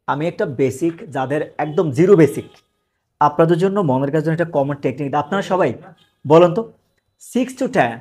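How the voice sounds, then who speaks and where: Male grammar teacher, somewhat high voice, quizzes the class and answers himself. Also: darkish tone. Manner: asks questions and answers them himself. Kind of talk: live online class.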